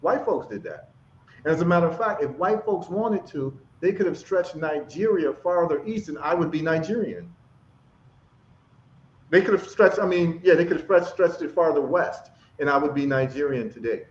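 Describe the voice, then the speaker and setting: On a live stream call, this Ghanaian guest chats casually at a moderate pace in a slightly high voice. He's passionate and repeats phrases to drive points home, and the sound is echoey, muffled and low quality.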